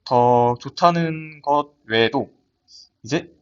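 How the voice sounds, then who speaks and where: A man's voice: mid-range voice, slow, clear, resonant tone. Young man presenting a paper, lo-fi. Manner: hesitant, many restarts and fillers. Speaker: student presenter. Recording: dull lo-fi audio.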